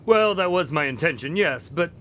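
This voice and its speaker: An earnest, loyal doctor, played by a man in a radio drama, polite and formal. His pitch is on the high side for a man and swings in a lively way. Insect ambience and noise run clearly behind the voice. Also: moderate pace, poor audio. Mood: relieved, curious. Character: earnest, loyal male doctor, sidekick to a detective. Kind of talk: audio drama acting.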